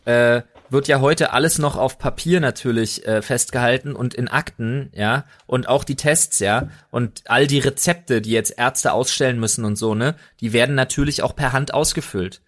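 A young man on a podcast, ranting deadpan in mock earnest about wild conspiracies in casual chat. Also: mid-range voice, normal speed, few pauses. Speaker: podcast host.

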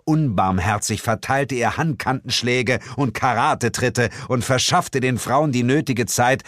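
A man narrating a comic horror story in a dramatic way and slowing down for ominous lines. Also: mid-range voice, a bit bright, no echo, studio quality. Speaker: audiobook narrator.

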